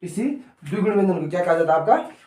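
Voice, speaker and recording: A man's voice: high voice, fast, a little mellow. A man teaching a lesson in a coaching class, asking questions and repeating each answer in a call-and-response drill. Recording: echoey room, mic far off.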